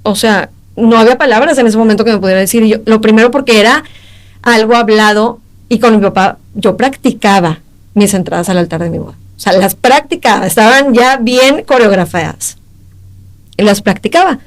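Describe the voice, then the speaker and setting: A young woman with a Mexican accent, a podcast guest giving an emotional personal testimony in halting speech, acting out the exchanges she recalls. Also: a little high. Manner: emotional, halting retelling that acts out quoted exchanges.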